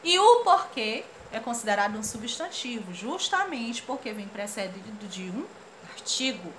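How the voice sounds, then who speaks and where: Brazilian teacher lady, high voice jumping all over, little bit of room noise behind. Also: moderate pace. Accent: Brazilian Portuguese. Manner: animated, reads comic dialogue aloud in playful voices. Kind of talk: lively classroom lesson for children.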